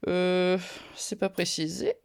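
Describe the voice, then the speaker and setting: Nasal, gravelly woman with a cold. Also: lowish voice, fairly even intonation, takes it slowly. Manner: talks a bit loud, chatty with fillers. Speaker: scrapbooking vlogger. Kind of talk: casual haul show-and-tell.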